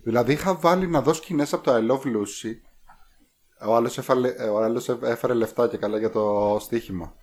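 A man's voice: mid-range voice, a little mellow. A man co-hosting a podcast, chatting casually about films and rambling with many hesitations. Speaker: podcast co-host. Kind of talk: casual film review chat.

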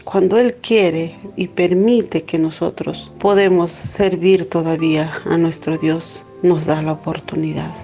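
A middle-aged woman telling an emotional personal testimony, halting and repeating words, with many filler questions. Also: low voice, steady tone, dark tone, soft background music. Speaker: testimony giver.

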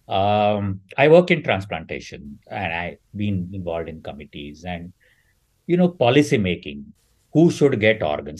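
A man's voice: medium pitch, a little mellow, poor audio. A middle-aged man, a surgeon being interviewed, explaining in an earnest, emphatic way. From India. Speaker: surgeon and guest. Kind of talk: podcast interview.

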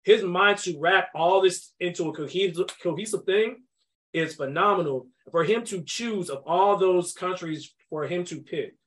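Podcast host, young adult male, slightly higher voice, emphatic and lively. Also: normal speed. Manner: animated, emphatic, laughs often. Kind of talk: casual movie discussion.

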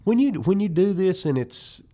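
A man's voice: high-pitched, expressive, moderate pace, darkish tone. A man in his forties from Western North Carolina with a Southern Appalachian accent, reminiscing casually in an interview as a musician guest. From Western North Carolina, United States. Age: 40s.

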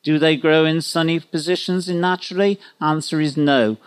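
A man's voice: fairly high pitch, steady tone, moderate pace, clean tone. A man giving unscripted advice as an expert panellist, opinionated and wandering off into anecdotes.

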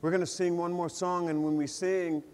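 A man preaching a sermon as pastor, telling the story with animated swings from loud to hushed. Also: high voice, normal speed. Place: church hall. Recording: long reverb of a large hall.

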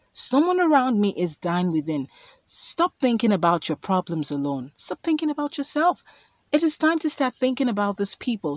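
A woman's voice: medium pitch, dry recording, clean studio sound. A woman hosting a podcast, talking in an emphatic, preachy way that repeats lines for stress. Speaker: podcast host. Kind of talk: motivational podcast talk with ad read.

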